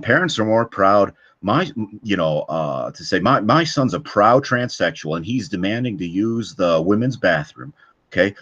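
A man with a very low voice delivers a long, rambling rant, swearing freely and stumbling through fillers and restarts. He keeps punctuating his points with a challenging "okay?". The audio is dull and lo-fi. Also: a bit bright. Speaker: channel host. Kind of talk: ranting monologue. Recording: dull lo-fi recording.

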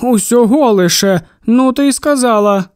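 Brief: storybook shopkeeper, chubby, jolly and teasing; male reader putting him on, smooth tone, dry close sound. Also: very high-pitched, moderate pace, dry recording. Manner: hearty exclamations, theatrical teasing.

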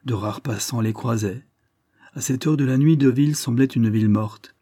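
Husky, dark-voiced male audiobook narrator. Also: medium pitch, normal speed, no room sound, studio quality. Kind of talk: literary audiobook reading.

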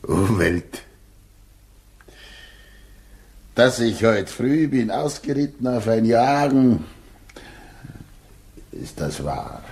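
An actor playing a proud, stern prince-bishop with a gravelly, commanding voice in a 1960 radio play. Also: male voice, medium pitch, darkish tone, exaggerated voice. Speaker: Fürstbischof Firmian.

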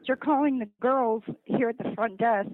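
A woman's voice: fairly high pitch, moderate pace. A woman heard over a phone line, stern and insistent, talking past whoever answers. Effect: recorded clips played down a phone line. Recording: tinny phone line, dry.

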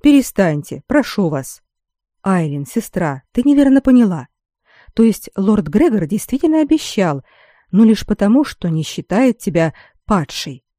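A woman's voice: mid-range voice, very animated, moderate pace, mellow, no echo, clean studio sound. A woman reader voicing an exasperated young nobleman who pleads with his mother and sister to stop. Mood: pleading. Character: torn young nobleman brother, head of family.

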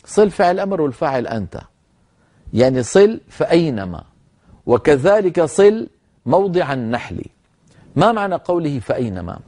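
A man teaching Quran recitation rules in a broadcast lesson. He explains in a measured way, slowly models recited words, and addresses the listeners directly as brothers. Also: fairly high pitch, sing-song, warm tone.

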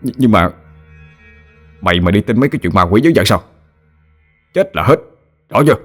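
A man's voice: lowish voice, animated, brisk, slightly rough, faint music behind. A man voicing a brutal, scornful young groom who barks harsh threats in a ghost story. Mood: furious.

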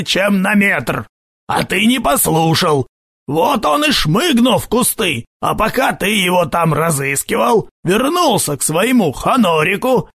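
A man's voice: high voice, creaky, a bit bright, husky, no room sound, clean studio sound, pitched above the performer's own voice, exaggerated voice. A man voicing a sly adult gang leader who mocks and wheedles in a syrupy tone for an audiobook. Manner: mocking, wheedling. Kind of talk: audiobook character voice.

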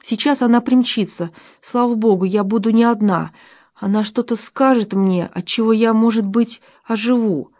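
A woman's voice: fairly high pitch, moderate pace, no echo, studio quality. Woman narrating a first-person audiobook. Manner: expressive, emotional storytelling.

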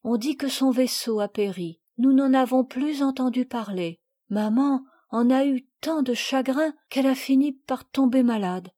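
A woman's voice: sits high, a little slow, few pauses, warm tone, dry recording, studio quality, voice pushed up. A woman voicing a poor, frail little girl who speaks politely and timidly in a raised childlike voice. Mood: meek, pleading. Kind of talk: audiobook character reading.

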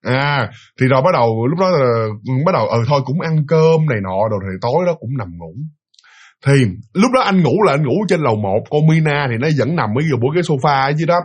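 A man casually retelling a ghost story, animated and full of restarts and hesitations. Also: a little high, fast talker, breathy edge.

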